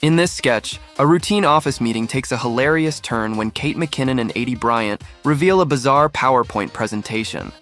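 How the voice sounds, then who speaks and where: A man's voice: medium pitch, normal speed, hardly any pauses, a bit bright. A man reading scripted narration for a compilation video. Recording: music under the voice. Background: background music.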